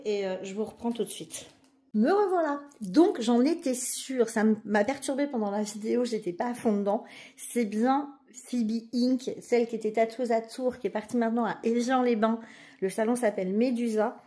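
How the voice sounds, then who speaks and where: A woman's voice: medium pitch, dark tone. A woman chatting casually and eagerly while she unboxes a craft kit, with many fillers and restarts. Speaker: diamond painting vlogger.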